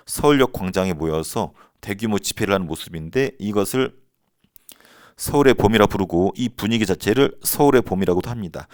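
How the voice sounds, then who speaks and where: A man in his forties teaching a high school history lesson, casual and joking, now and then shouting out slogans. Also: dry recording, clean studio sound. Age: 40s. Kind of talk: lecture for high school students.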